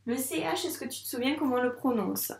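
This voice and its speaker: A woman's voice: sits high, lively intonation, fairly quick, vocal fry, far from the mic. A woman teacher, patiently sounding out letters and syllables in a reading lesson for young children. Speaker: first-grade teacher. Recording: echoey room.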